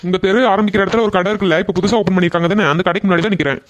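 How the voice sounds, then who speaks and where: A woman's voice: medium pitch, fairly even intonation, rapid-fire, dull audio, lightly acted. A woman voicing a playful young man who coaxes and pleads with his girlfriend in a cartoon. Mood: coaxing. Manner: coaxing, cheeky.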